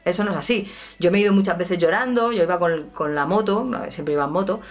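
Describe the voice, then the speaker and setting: A woman's voice: fairly low pitch, quick pace. Candid Spanish woman telling her story. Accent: Spanish from Spain. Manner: candid, emphatic, swears casually, many restarts. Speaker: rock singer and vocal coach. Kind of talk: casual personal storytelling to camera.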